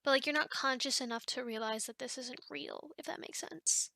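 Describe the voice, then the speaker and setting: In an ASMR roleplay, a woman voices a chatty, teasing female sleep paralysis demon in a one-sided conversation, talking in a casual, rambling, hesitant way with a matter-of-fact mood. Her full character voice is high-pitched, creaky, pushed and bright, at a moderate pace. The recording is studio quality with no echo.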